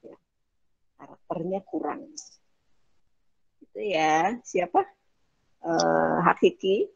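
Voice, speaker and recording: A woman's voice: on the low side, slow, creaky, no room sound, dull audio. A woman lecturer explaining Arabic pronunciation patiently in an online class. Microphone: video call.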